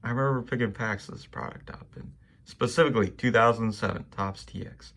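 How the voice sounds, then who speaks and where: A young man casually talking through his sports card pickups, relaxed and rambling with plenty of fillers. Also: mid-range voice, brisk. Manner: relaxed and rambling, many ums and likes. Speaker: sports card collector vlogger. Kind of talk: casual monologue showing cards.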